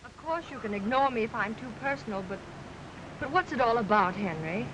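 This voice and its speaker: An actress playing a wry, kindly young woman friend in a 1930s film, soft and a little hesitant. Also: fairly high pitch, expressive, a little fast, lightly acted. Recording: distant, hissy 1930s film sound.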